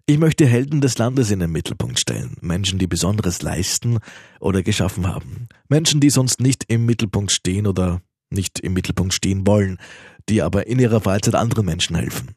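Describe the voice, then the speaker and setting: A man's voice: low voice, animated, brisk, darkish tone, husky, no echo. A man hosting a radio podcast interview in a studio, chatty and teasing. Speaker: podcast host.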